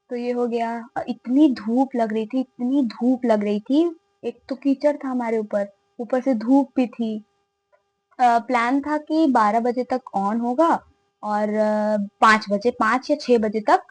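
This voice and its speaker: A woman's voice: fairly high pitch, dry recording, rough recording. A young woman, casually telling a funny story and acting out her friends' lines. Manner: animated, laughing, acts out friends' lines. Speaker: vlogger.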